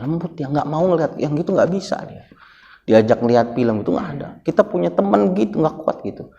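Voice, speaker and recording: A man's voice: fairly high pitch, fairly quick, vocal fry, dull audio. A male preacher leads a casual study sermon in a mosque. He jokes and acts out little stories as he teaches. His voice rings with the long reverb of the prayer hall. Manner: lively, joking, acts out stories. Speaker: Islamic preacher.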